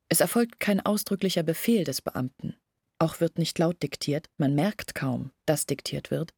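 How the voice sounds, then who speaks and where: An earnest village woman reveals family secrets in a radio play, her husky voice on the low side and a little mellow. She talks deliberately, sometimes dropping nearly to a whisper, in a very close, dry recording without echo.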